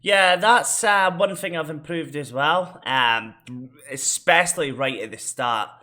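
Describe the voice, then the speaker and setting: A man's voice: on the high side, measured pace, bright, forceful tone. A Scottish man vlogging in a casual, rambling way, with lots of fillers and restarts. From Scotland. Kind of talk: casual reflective chat.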